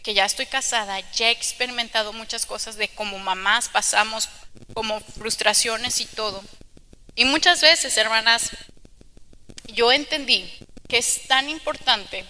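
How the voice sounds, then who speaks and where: Young woman talking to church ladies, really bright voice, a bit high, faint hiss behind. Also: poor audio. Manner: earnest, addresses listeners as sisters often. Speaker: women's conference speaker. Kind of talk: church talk and prayer. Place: church hall.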